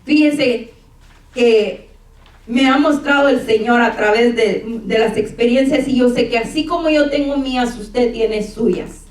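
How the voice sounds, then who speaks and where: A woman's voice: on the high side, unhurried. A middle-aged woman, telling a story in a church testimony sermon and acting out the dialogue. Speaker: church speaker. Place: church hall. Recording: echoey church room, from far off.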